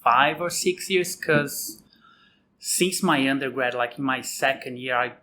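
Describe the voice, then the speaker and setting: A man's voice: mid-range voice, measured pace, bright, forceful tone, a little hiss or hum. A man in his thirties from Brazil, speaking English with a Brazilian accent, answering interview questions casually with many filler "likes". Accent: Brazilian Portuguese. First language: Portuguese. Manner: frequent "like" fillers. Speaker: guest researcher.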